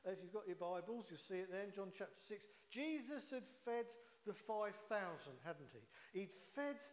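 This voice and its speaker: A man with a Yorkshire accent preaching a sermon in a chatty, folksy way, often pausing with "uh". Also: high-pitched, lively intonation. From Yorkshire, England. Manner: chatty, folksy, with jokes and frequent "uh". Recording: echoey hall.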